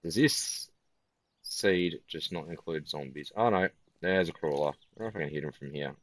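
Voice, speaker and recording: A tired man giving casual gameplay commentary in a flat, musing way. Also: rumbling low, normal speed, no echo. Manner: self-described monotone, relaxed and musing.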